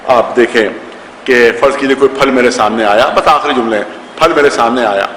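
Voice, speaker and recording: Man preaching a majlis, bright forceful voice, lots of repeating lines, big echoey hall. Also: mid-range voice, slight background noise. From India, Lucknow. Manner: repeats phrases for emphasis, acts out quoted voices. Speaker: Shia cleric reciting a majlis. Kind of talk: storytelling sermon. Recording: echoey hall with long reverb.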